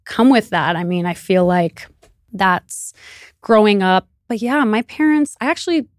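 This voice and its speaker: An Iranian woman whose first language is Persian chats candidly as a podcast guest in a casual interview. She laughs often and uses fillers like "you know" and "like." Her mid-range voice moves at a measured pace in studio-quality sound with no echo.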